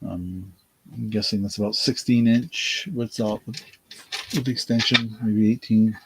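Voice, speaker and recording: A man hosts a laid-back live auction, his voice low and gravelly. He talks slowly and tiredly, wandering through his thoughts with plenty of fillers. Loud keyboard typing clatters in the background. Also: fairly even intonation, noisy background. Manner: unhurried, rambling, thinks aloud with many fillers. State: tired, yawning. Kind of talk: casual live-stream auction talk.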